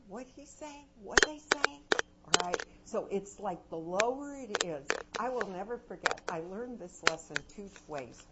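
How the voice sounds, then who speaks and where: Animated older woman, lo-fi noisy recording. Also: fairly low pitch. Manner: animated, anecdotal, swings between soft and loud. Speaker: parenting and education speaker. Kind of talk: talk to a live audience. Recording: dull lo-fi recording with loud noise.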